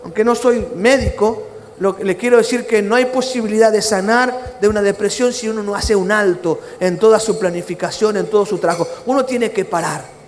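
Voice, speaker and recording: A pastor preaching a sermon, swinging from impassioned near-shouting to low, quiet prayer. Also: male voice, fairly quick, slight background noise. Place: church. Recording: reverberant church hall with faint ambience.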